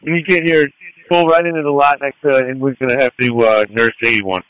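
A man speaking as a fire battalion chief over two-way radio, brisk and commanding in urgent firefighter traffic. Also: medium pitch, steady tone. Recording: close dry two-way radio transmission.

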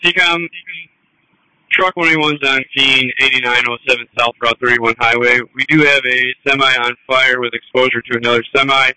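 Crisp, sharp firefighter on radio. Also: male voice, mid-range voice, fairly even intonation, normal speed, dry recording, rough recording. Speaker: firefighter on a truck. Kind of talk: urgent firefighter radio report. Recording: close dry two-way radio.

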